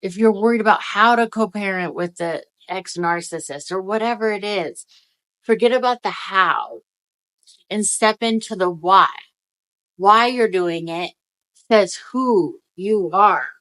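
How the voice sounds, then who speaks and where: Casting: woman, medium pitch, motivational vlogger, emphatic and encouraging, mouth numb from dental work, words coming out of the corner of the mouth. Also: measured pace, fairly bright tone, rough recording. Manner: talking out of the side of the mouth. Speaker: spiritual energy-reading video host. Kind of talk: casual motivational talk to viewers.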